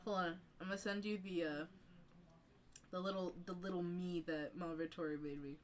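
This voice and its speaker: A woman's voice: on the low side, steady tone, fairly quick, slight background noise. A young woman streaming live, chatting casually in a bubbly, rambling way with lots of laughter and fillers. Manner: bubbly, giggly, rambling with many ums.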